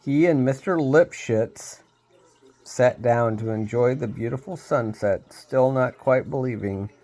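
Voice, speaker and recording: A man reading a storybook aloud, unhurried, with small slips he laughs off. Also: mid-range voice, mellow.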